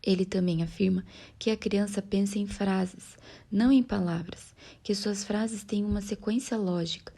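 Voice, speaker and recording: A woman reading a nonfiction audiobook aloud in a soft, breathy near-whisper, now and then correcting a slip. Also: medium pitch, steady tone, moderate pace. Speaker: audiobook reader.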